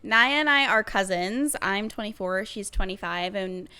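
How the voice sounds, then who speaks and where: A woman's voice: mid-range voice, moderate pace, sharp tone, clean tone. A woman in her mid-twenties from Massachusetts, co-hosting a podcast and earnestly sharing her story in casual chat. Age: 20s. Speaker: podcast co-host.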